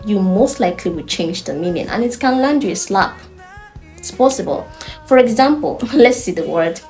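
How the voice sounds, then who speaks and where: Animated Nigerian woman teaching pronunciation. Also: mid-range voice. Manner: animated, emphatic, playful teaching. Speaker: Chinese language tutor. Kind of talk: online language lesson.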